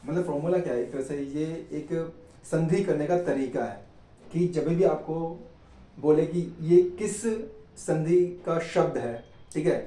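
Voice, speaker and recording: A man's voice: fairly high pitch, mellow, reverberant, far from the mic, low-quality recording. A man teaching a grammar lesson, asking questions and answering them himself and checking in often with his students.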